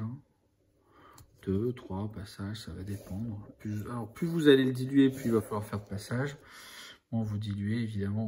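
A man talking through a miniature painting tutorial in a relaxed, rambling way, full of fillers and dropping to a murmur while he works. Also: on the low side, slight background noise.

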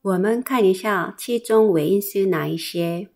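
A woman's voice: mid-range voice, normal speed, a little mellow. A woman teaching a pronunciation lesson, enunciating carefully and repeating each drilled syllable. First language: Korean. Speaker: Korean language teacher.

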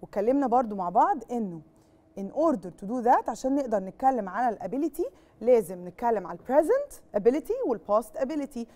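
A woman's voice: a little high, lively intonation, mellow. A woman with an Egyptian Arabic accent teaching an English grammar lesson, switching between Arabic and English, asking questions and answering them herself. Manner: slows down and spells out English words one at a time. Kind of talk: televised classroom lesson.

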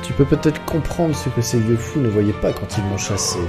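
A man's voice: medium pitch, animated, normal speed, music in the background, natural voice. A man reading out the lines of a power-hungry exiled male mage tyrant, plainly from game text. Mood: domineering.

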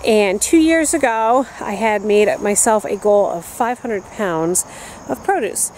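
Woman in her 30s chatting through her garden tour, mellow voice, handheld cam outside, faint crickets. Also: medium pitch, lively intonation, measured pace, a little hiss or hum, rough recording. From upstate New York, US. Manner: chatty, upbeat, walking and pointing at plants. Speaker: gardening vlogger. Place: outdoor backyard vegetable garden. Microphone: handheld camera at arm's length. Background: crickets and insects.

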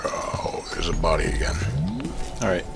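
A young man commenting casually on a game he is playing, joking and swearing in excited outbursts. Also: fairly low pitch, slow pace. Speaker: gaming channel host.

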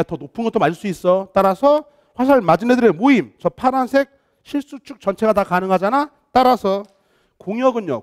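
A man teaching a math lesson online, lively and coaxing, often checking whether students follow and mixing polite and casual speech. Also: sits high.

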